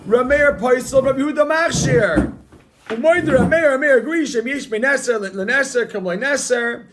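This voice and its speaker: A man leads a Talmud class in a notably high voice. He drills each phrase by repeating it again and again and presses his students with energetic emphasis. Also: fairly quick, background noise. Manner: repeats key phrases over and over, drilling the point. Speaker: Talmud teacher. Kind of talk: Talmud class reading and explaining text.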